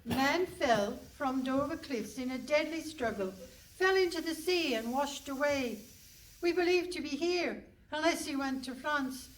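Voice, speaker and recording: A woman performs a bossy older English policewoman in a comic radio play staged before a live audience in a hall. Her high-pitched delivery is dry, brusque and dismissive, brisk and condescending, calling people "pet" and "love." The distant stage pickup carries some noise.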